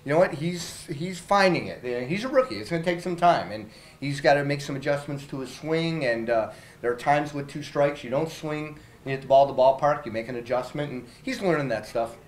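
A man's voice: a little high, brisk, rough recording. A middle-aged man, a baseball team manager, answering reporters' questions after a game in a small press room, speaking candidly with many fillers and restarts into handheld mics held up close. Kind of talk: post-game press interview. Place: small press room in front of a logo backdrop. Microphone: several handheld reporter mics held up close.

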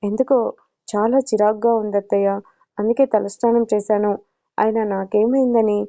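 Woman doing a prickly young bride, short and snappy, flat dark tone, muffled audio. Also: mid-range voice, moderate pace, close to an everyday voice. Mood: tired. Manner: curt, irritated. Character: sulky young bride, sharp-tongued and proud. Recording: dull lo-fi recording.

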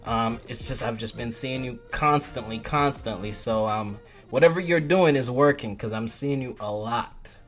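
A man's voice: medium pitch, normal speed, fairly bright tone. Man, New York accent, podcast host, upbeat, chatty, repeats himself, faint music underneath. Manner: upbeat, repeats words, many fillers. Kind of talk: casual interview.

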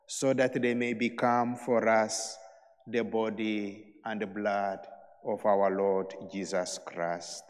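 A man, a priest, intoning the prayers of Mass in a solemn, measured way, with a cathedral echo around his voice. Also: mid-range voice, a little mellow. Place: large church. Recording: long church reverb.

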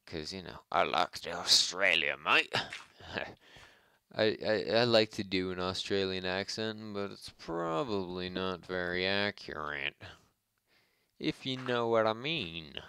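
Let's play host, male: low, gravelly and harsh, bright edge, rambling and jokey. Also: lively intonation, measured pace, no room sound. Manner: rambling, joking, chatty with viewers. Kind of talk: casual gameplay commentary.

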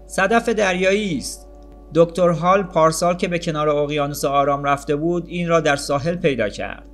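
A man voicing a gentle, loving young mother in an audiobook story, speaking softly and coaxingly. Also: a little high, faint music behind, voice pushed up. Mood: tender. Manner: soft, coaxing, smiling.

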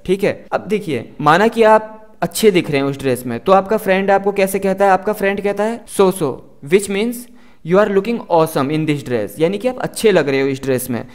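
A man teaching English vocabulary, saying each example sentence slowly twice. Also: high voice. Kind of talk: vocabulary lesson.

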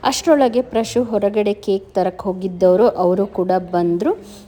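A woman's voice: mid-range voice, normal speed, warm tone. A woman narrating a family vlog in a chatty voice-over, mixing English words into her telling. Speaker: vlogger and mother.

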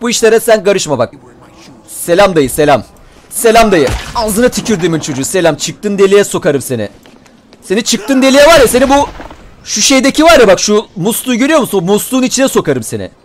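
Young male gamer, high animated voice, excitable swearing commentary, faint room hum. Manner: animated, swearing, talks to enemies. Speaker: gameplay streamer.

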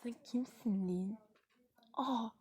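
A woman hosting her own gaming channel, giving excitable live gameplay commentary full of exclamations and quick frustration. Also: a little high, husky.

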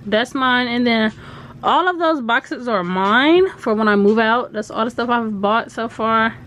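A woman's voice: on the high side, unhurried, a bit bright. Young woman vlogging, chatty, noisy room. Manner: chatty, unsure and rambling. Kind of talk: casual vlog. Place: cluttered basement storage room. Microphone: handheld camera close up. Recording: noisy home video.

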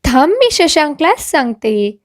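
A woman's voice: sits high, very animated, a little slow, dry recording, studio quality, voice pushed up. A woman voicing an indignant young bride. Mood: angry. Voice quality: sharp, indignant. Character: young bride, angry and bewildered.

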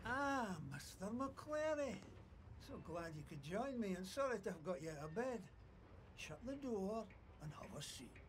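An actor playing a bullying older Scottish oil rig boss in a video game, sneering, menacing and explosive. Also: male voice, sits high, big pitch swings, a little slow, a little hiss or hum. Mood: cold sarcasm.

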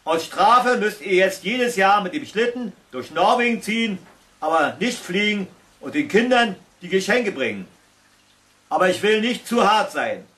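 A man's voice: high-pitched, sing-song, a little slow, pushed and bright, distant mic, voice pushed up, full character voice. A man voicing a stern, commanding godlike voice that calls down from the sky in a storybook reading.

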